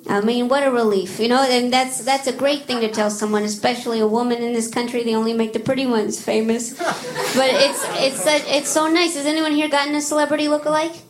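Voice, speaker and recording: A woman doing a stand-up comedy set, rambling and self-deprecating, with halting restarts and crowd work. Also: a little high, level tone. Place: comedy club stage. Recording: echoey club with loud crowd laughter. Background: audience laughter.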